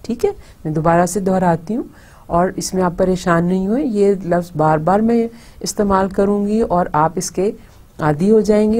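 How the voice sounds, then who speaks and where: A woman's voice: on the low side, mellow, slightly rough. A woman with a Pakistani Urdu accent teaching an online language lecture, patiently drilling pronunciation syllable by syllable.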